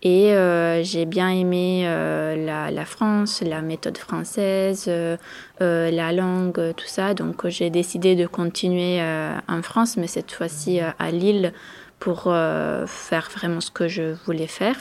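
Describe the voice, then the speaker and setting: A young Italian woman, native speaker of Italian, tells her story in French. Her voice sits low and stays flat, and she pauses often on fillers as she goes. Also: gravelly, clean tone. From Italy. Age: 20s. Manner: hesitant, many fillers. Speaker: European project officer. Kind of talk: testimony interview.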